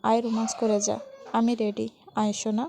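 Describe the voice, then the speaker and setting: A man's voice: high voice, monotone, normal speed, creaky, dark tone. Woman doing a cheeky, teasing young man. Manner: mocking, playful, teasing.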